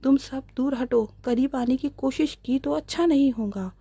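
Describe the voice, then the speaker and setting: A woman's voice: sits high, moderate pace, warm tone, breathy edge, no room sound. A woman voicing a protective young man who speaks with urgency. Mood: urgent. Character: brave young man rescuing his love.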